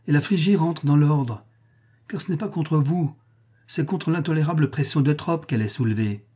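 A cold, blunt barbarian general, clipped and icy in every word, as a male reader voices him. His husky voice carries a hard, raised edge. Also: on the high side, moderate pace, dark tone, pitched above the performer's own voice. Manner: dry, icy, curt.

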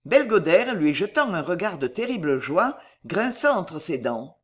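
A woman narrating a dramatic story in a measured, expressive way. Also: lowish voice, slightly rough.

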